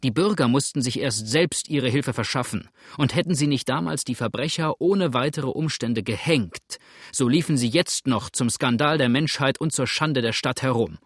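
A man's voice: medium pitch, moderate pace, slightly rough, no room sound. A blunt, impatient frontier farmer, read by a man, brusque and hearty, who lets his voice ring out. The recording is dry and close, with no room around it. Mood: unwilling. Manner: brusque and hearty, calls out loudly.

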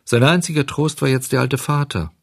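A man narrating a children's story as an audiobook, measured and expressive, on a close microphone. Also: mid-range voice, vocal fry, no room sound.

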